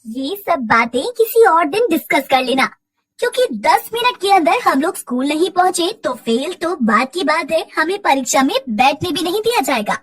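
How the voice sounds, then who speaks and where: A woman's voice: very high voice, big pitch swings, normal speed, a bit bright, heavily acted. Kamini, a woman doing a bossy teenage girl. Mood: blunt. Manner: scolding and impatient. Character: bossy, blunt teenage schoolgirl friend.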